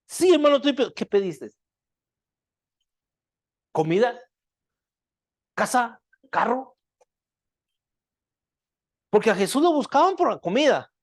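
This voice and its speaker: A preacher delivering a sermon, firing rhetorical questions at the listeners, checking in with a repeated tag question, and dropping to hushed tones for emphasis. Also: mid-range voice, big pitch swings, takes it slowly, pauses often, no echo, clean studio sound. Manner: keeps asking the congregation rhetorical questions; loudness swings widely, dropping to hushed lines.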